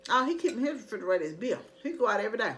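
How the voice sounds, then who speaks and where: A woman's voice: fairly high pitch, big pitch swings, racing, fairly bright tone. A middle-aged woman in casual, rambling chat to her viewers, conversational and emphatic when she makes a point. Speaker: mukbang vlogger.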